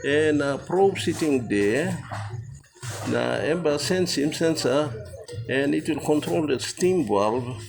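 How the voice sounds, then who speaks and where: A man teaches informally in a Papua New Guinean accent, slipping between English and Tok Pisin pidgin. His mid-pitched voice has a gravelly creak and comes in short, halting phrases, with music playing behind it. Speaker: instructor. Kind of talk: informal technical lesson.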